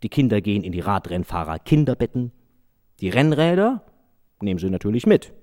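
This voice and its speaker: Expressive man reading a children's story. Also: lowish voice, brisk. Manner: expressive, sing-song reading.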